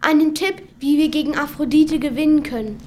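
A woman's voice: high voice, a little fast, noisy background, close to an everyday voice. A woman playing a plucky, direct young boy adventurer in a children's audio drama. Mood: eager.

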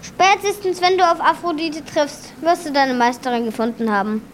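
Woman as Hermes, a haughty high-voiced god. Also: normal speed, a little hiss or hum, close to an everyday voice. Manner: haughty, pompous. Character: proud, boastful male messenger god, defensive about losing. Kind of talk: children's audio drama acting.

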